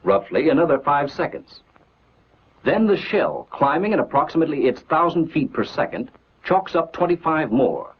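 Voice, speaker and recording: A fairly high-pitched male voice with a breathy edge narrates a scripted 1940s military training film from an old soundtrack. The delivery is measured, instructional and declarative, and the recording is muffled.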